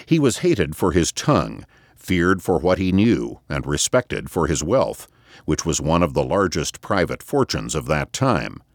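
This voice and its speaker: A man narrating a novel as an audiobook in a measured, expressive reading. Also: low voice, dry recording, clean studio sound.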